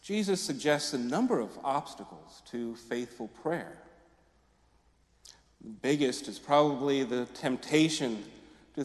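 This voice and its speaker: A man preaching a reflective, conversational sermon in plain, deliberate phrases, in a large reverberant church. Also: a little high. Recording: echoey church with long reverb.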